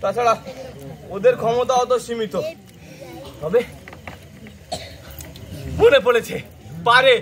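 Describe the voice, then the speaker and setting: A man's voice: extremely high pitch, fairly even intonation, slow pace, pauses often, heavily acted. A man playing a scheming son who profits from family quarrels, declaiming theatrically in an amateur stage play. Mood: frantic. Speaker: stage actor. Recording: loud crowd noise.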